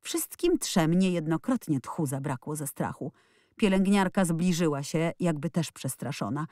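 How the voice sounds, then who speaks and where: A woman narrates a storybook with expressive reading. Her voice sits low, and the recording is dry and close with no room sound. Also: moderate pace, dry recording. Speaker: audiobook narrator. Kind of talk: scripted narration.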